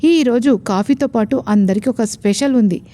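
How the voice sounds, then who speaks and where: Woman doing a calm smart young wife, soft and patient, mellow high-ish voice. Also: normal speed, close to an everyday voice. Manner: patient, gently persuasive. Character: calm, clever young wife and new CEO.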